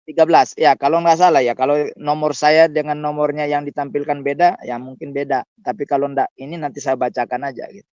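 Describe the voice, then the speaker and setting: Mocking pastor, dull dry lo-fi sound. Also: male voice, flat delivery, fairly quick, a little mellow, no room sound. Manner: scornful, with sudden pitch jumps for emphasis. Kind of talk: mocking preachy talk show.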